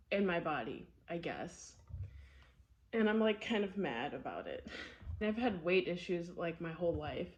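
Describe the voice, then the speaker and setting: A woman's voice: lowish voice, darkish tone. Candid, rambling woman vlogger. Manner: candid, rambling, with frequent repetition. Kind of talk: casual personal vlog.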